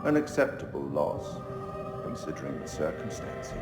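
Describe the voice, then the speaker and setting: An actor playing a sinister, refined gentleman who hosts horror tales in a video game, speaking in a measured, ominous and wryly courteous theatrical manner. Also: extremely low pitch, big pitch swings. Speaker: narrator host addressing the player. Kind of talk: theatrical scripted monologue, literary quotations. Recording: echoing hall reverb, music behind.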